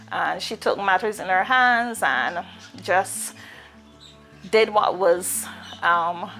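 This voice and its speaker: Barbadian woman telling her life story, mid voice, slow and thoughtful, lots of pauses, faint music behind. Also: medium pitch, fairly bright tone. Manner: reflective, unhurried, with pauses and fillers. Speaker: guest.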